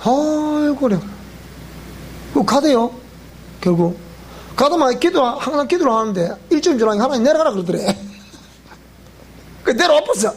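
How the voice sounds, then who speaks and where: A man's voice: very high voice, animated, normal speed, pauses often, slight background noise. A male pastor with a Gyeongsang Korean accent, telling stories in a sermon at church, acting out dialogue and laughing often. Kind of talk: storytelling sermon. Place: church sanctuary.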